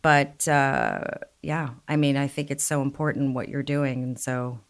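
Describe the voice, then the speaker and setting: A woman interviewer with a very deep voice. She asks questions haltingly and keeps up a stream of soft, encouraging affirmations. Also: expressive. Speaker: host. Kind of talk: conversational interview.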